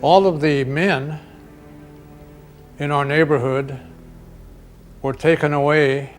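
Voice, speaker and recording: Old man, slightly high voice, fond recollection, faint music. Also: fairly even intonation, takes it slowly. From Monterey, California, USA. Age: 90s. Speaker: interviewee.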